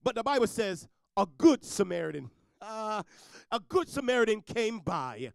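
A man's voice: high voice, very animated, normal speed, vocal fry, no echo. A man preaching a sermon as a pastor, building rousing repeated refrains with stammered restarts and fillers.

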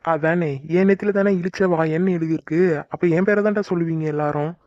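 A man's voice: a little high, steady tone, fairly quick, no room sound, dull audio, natural voice. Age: young adult. Figure: a man voicing a fretful grumbling young guy. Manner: complaining, exasperated banter. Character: young man, a worrier who frets and grumbles. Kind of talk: cartoon voice acting.

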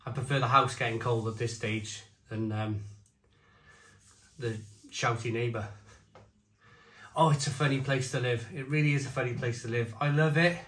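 A man's voice: medium pitch, fairly even intonation, moderate pace, pauses often, a bit bright. A man reviewing beer in a chatty, rambling way, recorded in an echoey conservatory at home. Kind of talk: casual beer review vlog. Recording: echoey room sound.

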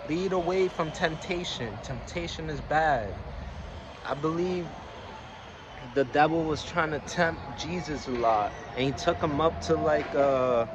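A young adult man with a fairly high voice talks at a measured pace to the camera, vlogging in a slangy, sweary style on a phone held at arm's length. He starts outdoors at a gas station and later moves inside a car, with loud outdoor and car noise throughout.

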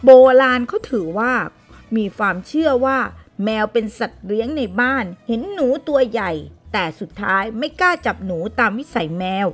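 A woman's voice: fairly high pitch, expressive, normal speed, fairly bright tone, soft background music, voice pushed down. A woman voicing a fussy, nagging old grandmother who lectures about old beliefs in a home-made skit. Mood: explaining. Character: fussy old grandmother, scolding but kindly. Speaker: storyteller.

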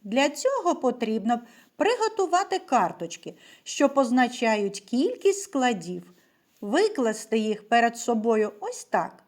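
A woman teaching a literacy lesson to small children in a high, bright-pitched voice that rises and falls a lot. She speaks slowly and draws out each word syllable by syllable so the children can say it with her. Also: big pitch swings. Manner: slow, carefully stressed words for children to repeat. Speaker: primary school teacher.

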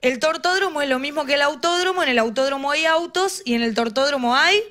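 A stand-up comedian from Morón, in western Greater Buenos Aires, Argentina, performs live with a Rioplatense Argentine accent. Her voice is high and a bit bright, she talks fast, and she's chatty, laughing at her own jokes.

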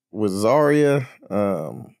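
A man's voice: on the low side, darkish tone, no echo, clean studio sound. A man co-hosting a casual movie podcast, laid-back and joking as he guesses at trivia and swears freely. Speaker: podcast co-host. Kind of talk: casual chat.

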